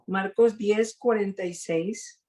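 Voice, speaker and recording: A woman preaching a sermon over a video call, earnest and slightly hoarse, pausing for emphasis. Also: medium pitch, steady tone, darkish tone, a little hiss or hum.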